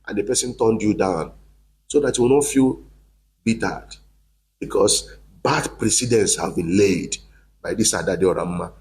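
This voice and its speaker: A man's voice: fairly low pitch, a little mellow, slight background noise, rough recording. A man delivering a heated, accusing monologue to camera, repeating himself for emphasis. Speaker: online commentator.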